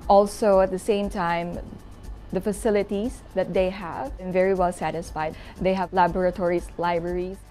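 A woman's voice: on the low side, level tone, moderate pace, mellow, faint music behind. A woman student from the Philippines giving a rehearsed promotional testimonial.

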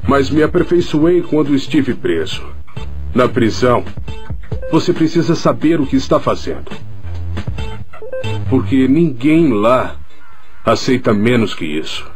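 A middle-aged man, a tattoo artist, speaking calmly and reflectively in a dubbed documentary interview. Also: medium pitch, measured pace, long pauses. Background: music.

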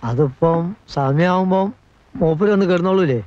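Nervous fussy helper,, fairly high voice, dull film sound. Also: male voice, a little slow, warm tone, no room sound. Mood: anxious, fussy. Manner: anxious, secretive, warning. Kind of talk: film dialogue.

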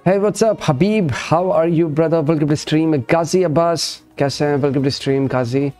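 A man's voice: fairly high pitch, moderate pace, a little mellow, faint music behind. A man, chatting casually as a gaming livestream host, chummy and repeating short phrases. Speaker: live streamer and host. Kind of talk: casual gaming livestream chat, greeting viewers. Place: indoor streaming setup.

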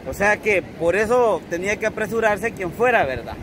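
A Salvadoran man presents games on a sandy shore outdoors, teasing players and explaining the rules. His voice sits high and swings widely in pitch. The delivery is casual and upbeat. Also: moderate pace, a little hiss or hum. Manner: lively, teasing, giving instructions. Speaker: TV game host.

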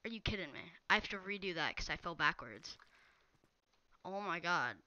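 A woman's voice: on the low side, expressive, moderate pace, sharp tone, no echo, dull audio. A young woman live-streaming a game, chatting casually and teasing viewers as she reads their messages. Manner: teasing, talks straight to viewers reading chat. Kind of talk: casual live-stream chat while gaming.

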